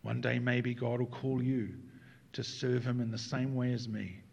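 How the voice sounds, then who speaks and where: A man preaching a sermon as pastor, moving between loud acted quotes and hushed, whispered lines. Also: medium pitch, little pitch movement, measured pace, creaky, dull audio.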